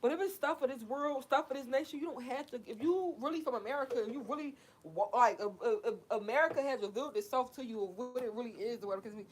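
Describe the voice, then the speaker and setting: Faint music plays behind this young vlogger as she rants at her camera in a fiery, preachy way, cursing and going over the same points again and again. She talks quickly on the high side, barely pausing, with a slightly rough edge to her voice.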